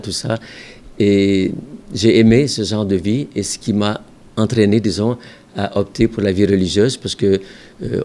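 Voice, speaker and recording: With a fairly low pitch, an older religious brother and school director from Ontario, Canada, recalls his past in calm interview answers. He sits at his office desk facing a microphone, speaking in a measured, reflective manner with a few hesitations.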